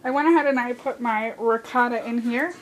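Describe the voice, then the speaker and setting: A young adult woman walks viewers through a recipe step by step in a chatty way from her home kitchen, her voice worn because she's losing it. She speaks a little fast at a fairly high pitch, and the low-quality recording picks up cooking and dish noise behind her.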